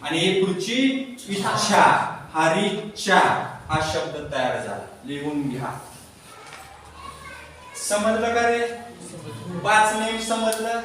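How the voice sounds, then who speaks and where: A man's voice: high voice, animated, slow, long pauses, fairly bright tone, slight background noise. A man teaching a grammar lesson to a class, asking questions and repeating the answers himself. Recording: echoey classroom from far off.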